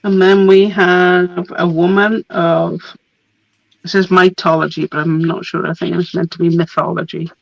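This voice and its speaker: Showing off craft papers in a relaxed product demo, this host is getting a cold and her voice is fading; she laughs a lot and lets sentences drift off into ums. She speaks at a normal speed in a low-leaning, gravelly, flat voice. No room sound is present, and the highs are cut off.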